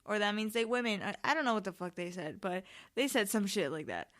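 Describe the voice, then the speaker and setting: A woman's voice: mid-range voice, lively intonation, a little fast, fairly bright tone. A woman hosting a podcast in a casual, chatty way, telling personal stories in informal, rambling, sweary monologue. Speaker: podcast host.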